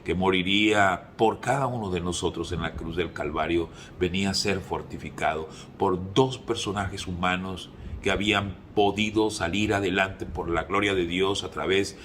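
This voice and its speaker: A man preaching a sermon, fervent, moving between hushed passages and emphatic peaks. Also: low-pitched, steady tone, moderate pace, a little hiss or hum.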